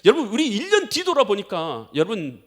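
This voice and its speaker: High, animated male pastor preaching. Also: brisk. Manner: emphatic preaching, addresses congregation repeatedly, acts out prayers. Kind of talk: sermon.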